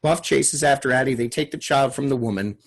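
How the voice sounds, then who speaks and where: Reading a screenplay's stage directions aloud, a man serves as narrator and table read leader, delivering clipped scripted lines. He has a medium-pitched voice with a breathy edge and talks a little fast.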